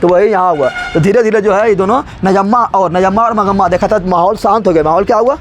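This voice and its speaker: A man's voice: sits high, fast, slight background noise. A male teacher, explaining a story to his class and repeating his own questions before answering them.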